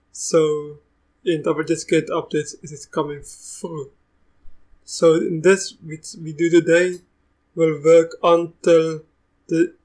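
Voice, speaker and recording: Chatty South African-accented man, flat tone. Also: a little high, low-quality recording. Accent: South African, with a bit of Russian. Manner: chatty, easygoing, restarts sentences often. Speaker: tech tutorial host. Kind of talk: live screen-recorded software tutorial.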